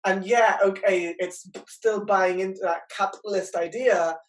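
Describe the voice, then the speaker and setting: A woman speaking on a livestream in a chatty, wry and animated way, with a roomy sound from a distant video-call mic. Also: medium pitch, moderate pace. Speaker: panel guest. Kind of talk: livestream discussion.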